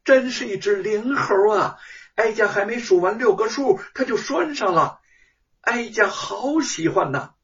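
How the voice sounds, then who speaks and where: A man voicing a haughty, spoiled imperial consort with a shrill, imperious manner, on a dull, distant lo-fi recording. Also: animated, measured pace, a bit bright, full character voice. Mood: delighted.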